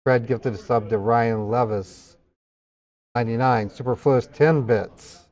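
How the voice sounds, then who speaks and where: A man's voice: medium pitch, fairly even intonation, a little slow, darkish tone. A man hosting a livestream in subathon hype style, reading out donations and thanking viewers, with casual exclamations of appreciation between names and numbers. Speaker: livestream host.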